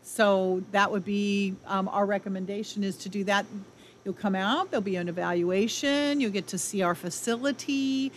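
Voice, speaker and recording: Woman explaining, medium pitch, some noise. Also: steady tone, moderate pace. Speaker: ranch development director, radio guest. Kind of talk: conversational interview talk. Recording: clear background noise.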